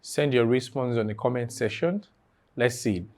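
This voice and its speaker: A man's voice: medium pitch, moderate pace, a little mellow. A man teaching an online exam-prep lesson, repeating key phrases and asking the class fill-in questions.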